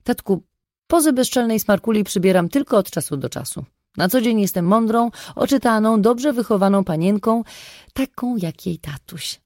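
A reader voicing a cheeky, clever teenage daughter in an audiobook. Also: female voice, mid-range voice, expressive, moderate pace, a little mellow, no echo, clean studio sound, pitched above the performer's own voice, lightly acted. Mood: teasing. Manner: teasing, pert. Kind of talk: audiobook reading.

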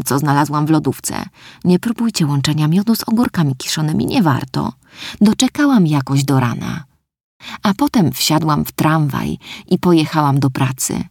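A woman narrating a first-person story for an audiobook in a wry, lively telling, on a close mic. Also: low-pitched, no echo.

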